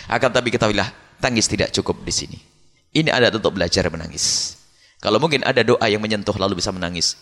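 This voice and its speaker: A man preaching a sermon with Quran commentary, switching into pleading prayer voices and acting out dialogue. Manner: animated, acts out prayers in high voice. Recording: hall reverb.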